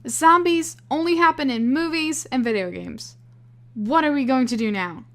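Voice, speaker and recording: A woman voicing a panicked young heroine, pitched up. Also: normal speed. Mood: frightened. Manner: urgent, near-shouting exclamations. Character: panicked young woman, frightened, self-mocking, squeamish.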